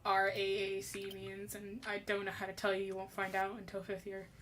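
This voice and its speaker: A woman speaking very quietly in a casual group call, her voice muffled and distant as if she were inside a fishbowl. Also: mid-range voice, monotone, moderate pace, slight background noise. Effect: muffled, distant mic sound, like talking inside a fishbowl.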